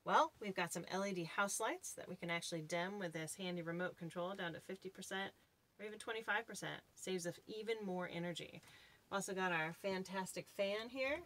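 A woman's voice: fairly low pitch, fairly quick, fairly bright tone. A woman in her forties explaining things to camera as a vlog host, speaking inside a small trailer.

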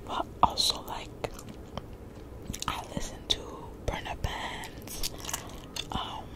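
A woman in her twenties doing laid-back, rambling ASMR chat in a breathy whisper, close to the mic, softly repeating her phrases. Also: slow. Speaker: ASMR creator. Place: small bedroom, lying in bed. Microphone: desk condenser microphone very close to the mouth.

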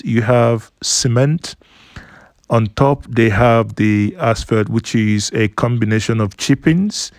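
A man giving an unhurried voice-over commentary on photos, explaining things at length with fillers and restarts. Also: mid-range voice, a little mellow, no echo, studio quality. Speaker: news commentator. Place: studio voice-over, not at the pictured site.

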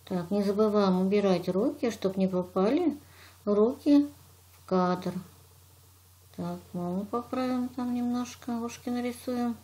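A woman teacher from Russia, with a warm, mid-range voice and a measured pace, takes a child step by step through drawing, narrating every action and patiently praising.

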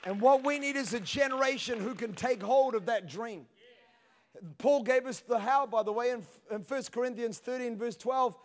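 A man in his thirties preaching a sermon on a large church stage into a handheld mic, swinging between hushed passages and shouted peaks. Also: very high voice, normal speed. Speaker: pastor. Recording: long hall reverb.

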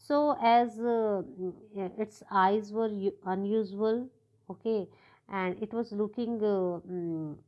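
A woman's voice: medium pitch, fairly even intonation, slow pace. Woman teaching an English lesson. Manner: patient, hesitant, many "uh" fillers, defines words. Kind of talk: classroom lesson explaining a story. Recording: dull lo-fi recording.

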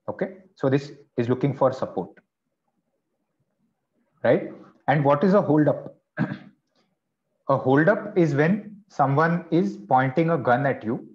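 A man teaching an online class at a middle pitch, walking through each option calmly. He checks in often with a quick "okay" or "right". The audio is dull and lo-fi.

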